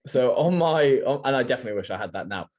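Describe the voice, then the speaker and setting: A young Englishman co-hosting a podcast, telling stories in a lively way, swearing and laughing often, talking over a video call. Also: medium pitch, fast, muffled recording. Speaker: podcast co-host. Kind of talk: casual chat.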